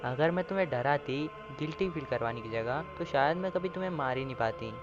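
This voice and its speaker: A man's voice: a little high, animated, fairly quick, close to an everyday voice. A man voicing a young female schoolgirl ghost who is clingy and then coldly mocking, heard over slightly dull audio with faint background music.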